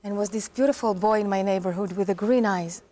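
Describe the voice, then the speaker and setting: A woman in her forties, a guest in an interview, talking earnestly in halting English and laughing often. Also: mid-range voice, dark tone. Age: 40s. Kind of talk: casual interview chat.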